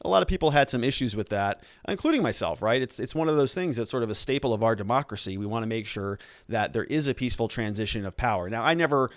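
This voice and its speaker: A man's voice: mid-range voice, lively intonation, fast, hardly any pauses, no echo, studio quality. A man hosting a live political commentary stream, talking conversationally with rambling asides.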